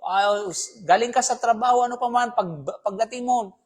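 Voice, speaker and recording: At a moderate pace and with fairly even intonation, a man whose voice is extremely high-pitched preaches a live Islamic talk. He chats with listeners, repeatedly asking "di ba?", and slips English phrases into his speech.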